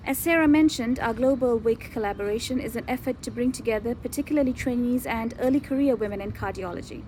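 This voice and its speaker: A woman's voice: a little high, fast talker, darkish tone, slight background noise. A woman from Sri Lanka working as a cardiologist, introducing herself in an earnest, articulate way. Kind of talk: self-introduction.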